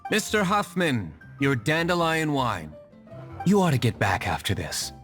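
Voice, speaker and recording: Game dub: a curt, aloof young tavern owner, dry delivery. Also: male voice, fairly high pitch, huge pitch swings, unhurried, fairly bright tone, soft background music, full character voice. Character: stern, reserved young male tavern owner. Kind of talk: video game dub acting.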